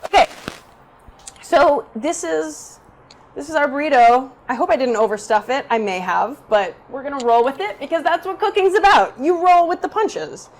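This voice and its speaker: A young woman chats her way through a live cooking stream in her own home kitchen. Her voice sits a little high, and she talks loudly and eagerly. She speaks straight to the viewers the whole time. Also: lively intonation, normal speed. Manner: bubbly, chatty, addresses viewers directly; self-described loud talker. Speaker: cooking video host. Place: home kitchen in a Brooklyn apartment. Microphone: 360 camera rig.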